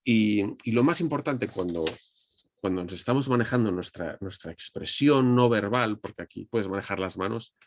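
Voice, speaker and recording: Madrid Spanish man, low voice, communication trainer on a webcam, dry close sound, chatty with restarts. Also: moderate pace, no echo. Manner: conversational, addresses audience directly, frequent restarts. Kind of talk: online presentation lesson. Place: indoors at a desk under a ring light. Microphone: webcam on video call.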